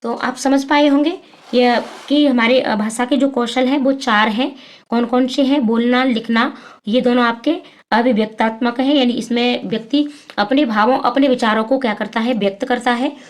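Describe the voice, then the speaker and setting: Woman, high voice, teacher giving an exam-prep lecture; answers her own questions, lots of fillers. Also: fairly even intonation, normal speed.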